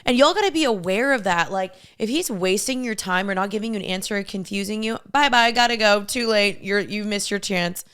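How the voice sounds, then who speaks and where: A young American woman speaks in a smooth, clear voice at a middling pitch. She gives dating advice in a confident, casual way, stressing her points bluntly and emphatically. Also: brisk, hardly any pauses, a bit bright. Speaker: co-host giving dating advice.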